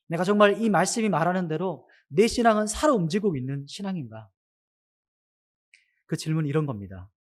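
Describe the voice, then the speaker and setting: A man preaching a sermon to his congregation, asking them many questions. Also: high voice. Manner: asks the congregation many questions, animated rise and fall.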